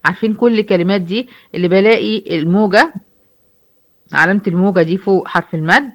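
A woman with an Egyptian accent gives a brisk online lesson, moving quickly through her points. Her voice sits in a middle range. She keeps asking the class questions and answering them herself. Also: medium pitch. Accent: Egyptian Arabic. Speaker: Quran recitation teacher. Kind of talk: online lecture.

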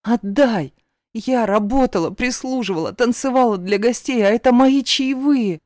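A woman's voice: medium pitch, expressive, normal speed, mellow, no room sound, studio quality, natural voice. A woman reading the lines of a young heroine who snaps back and demands her things, her voice trembling. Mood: defiant. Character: defiant young woman dancer, cornered.

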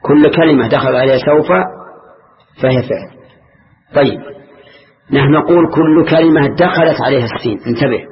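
A man's voice: mid-range voice, a little fast, long pauses. An older man teaching a grammar lesson, patiently questioning his students and repeating key words. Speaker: Islamic scholar teaching grammar. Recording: dull lo-fi lecture recording.

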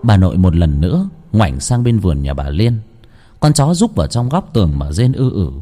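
A man narrating a village ghost story in a hushed, suspenseful storytelling manner. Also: low voice, very animated, normal speed, slight background noise.

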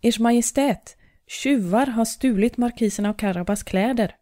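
Scheming male cat in boots read by a woman: smooth, persuasive purr, warm low tone, dry sound. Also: no room sound, lightly acted. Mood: sly.

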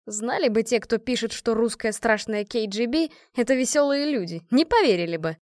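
A woman's voice: on the high side, a little fast, darkish tone, dry recording, clean studio sound, close to an everyday voice. A woman voicing a proud, courteous Irish freedom fighter who speaks in a formal, gallant way. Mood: amused.

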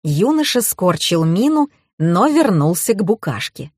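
Woman audiobook narrator, lively swooping pitch, dry close studio sound, expressive first-person telling. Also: measured pace, slightly rough, no echo.

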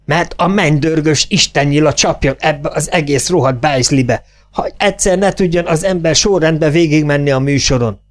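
A man voicing a hot-tempered middle-aged male theatre director who shouts in bursts. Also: medium pitch, animated, lightly acted. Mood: furious. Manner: shouting, explosive.

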